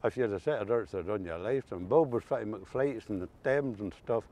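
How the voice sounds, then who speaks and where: Warm-toned and fairly low, this older man talks fairly quickly in a strong Ulster Scots accent. As an interviewee in a casual conversation, he reminisces about country life with folksy, dialect-rich anecdotes.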